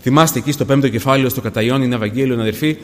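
A man preaching a sermon to a congregation, calling them brothers again and again and building to emphatic peaks. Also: mid-range voice. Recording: hall reverb.

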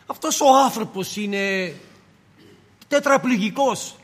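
A man delivers an impassioned sermon in a high-pitched voice. He piles up rhetorical questions and takes on the voices of both the Lord and the believer. His words ring out with a long reverb in a church hall. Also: fairly bright tone, husky. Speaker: preacher.

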